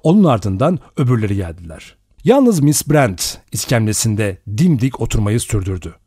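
A man's voice: fairly low pitch, husky, no echo, studio quality. Man narrating an audiobook expressively. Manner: measured, expressive storytelling. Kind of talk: scripted narration.

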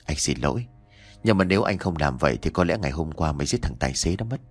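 A man voicing a calm senior officer who speaks quietly and steadily. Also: extremely low pitch, slightly rough, faint music behind, pitched below the performer's own voice, full character voice. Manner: quiet, measured.

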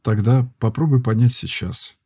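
A man reading an audiobook voices a weary former warrior turned herbalist, talking softly and patiently with frequent sighs. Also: medium pitch, moderate pace, breathy edge, dry recording, clean studio sound. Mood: reasoning. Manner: soft, patient, sighing.

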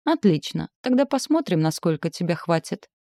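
A woman's voice: on the low side, normal speed, no echo, studio quality. A woman reading a novel aloud and voicing a cold, threatening man who holds the heroine captive. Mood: cold menace. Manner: calm, sneering and threatening. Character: cold, menacing man, the captor's brother.

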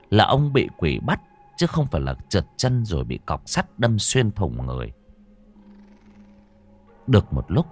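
A low-voiced man tells a ghost story with a lively, swooping delivery. His narration is dry and close, with faint music beneath it. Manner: dramatic, animated delivery. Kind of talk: scripted horror story narration.

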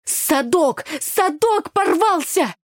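A woman's voice: very high voice, lively intonation, slow pace, dry recording, studio quality, pitched above the performer's own voice, heavily acted. A woman reading an audiobook, voicing a grumpy younger brother who snaps and sulks. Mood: cross. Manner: sulky and snapping. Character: younger brother, a cross grumbling boy.

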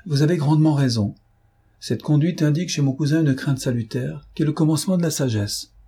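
A man reading an audiobook, voicing a quick-witted, mocking young woman in a raised, teasing tone. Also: mid-range voice, dark tone, husky.

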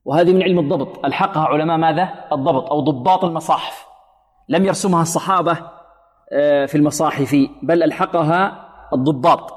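A man teaching Quran recitation, quizzing listeners with questions and repeating words slowly to model pronunciation. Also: fairly high pitch. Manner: quizzes listeners with prompt questions, then answers. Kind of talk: recitation lesson with recited examples. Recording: long hall reverb.

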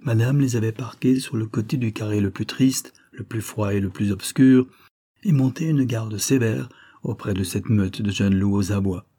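A man narrating a classic novel as an audiobook, in a measured, expressive reading. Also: fairly low pitch, slightly rough.

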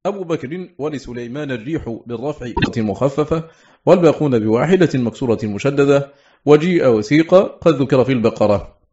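Guy reading a scholarly book out loud, formal and even, mid-pitched, muffled lo-fi audio. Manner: steady, measured recitation of lists. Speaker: audiobook reader.

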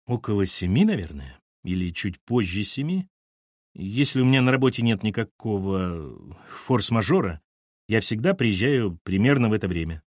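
Curt sharp businesswoman in an audiobook, a guy reading her, lively up-and-down delivery, dry close sound. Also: fairly low pitch, moderate pace, no room sound. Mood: clipped, defensive. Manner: curt and clipped. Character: sharp, businesslike woman, middle-aged, irritable.

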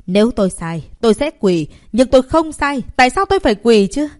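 A woman voicing a proud young female martial artist who talks back forcefully and indignantly. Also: medium pitch, expressive, moderate pace, close to an everyday voice. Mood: furious.

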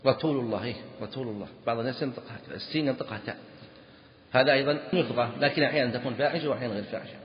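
A man explaining a legal text to students, slow and deliberate, often asking them questions. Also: mid-range voice. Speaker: teacher of Islamic law. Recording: lo-fi recording in a reverberant hall.

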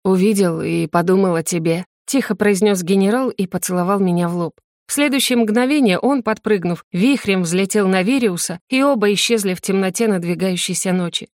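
A woman narrating a first-person fantasy audiobook in a gentle, expressive storytelling manner. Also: medium pitch, fairly quick, hardly any pauses, dry recording, clean studio sound.

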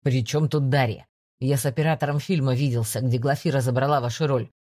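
Woman doing a male detective, calm, patient, persuasive, low dark voice, audiobook. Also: a little fast. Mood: coaxing. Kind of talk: audiobook reading.

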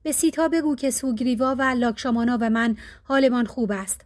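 A proud young hero-king speaks in stern, formal words from an old storybook, read out by a woman. The voice sits high and clear, with the measured weight of a fable told aloud. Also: lightly acted. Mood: solemn. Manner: formal, solemn speech.

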